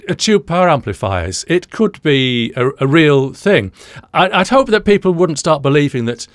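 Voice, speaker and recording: Talking to camera from a small, dry studio room, an older British audio engineering presenter explains audio through reaction commentary. His voice is mid-range and dry-sounding, with no echo.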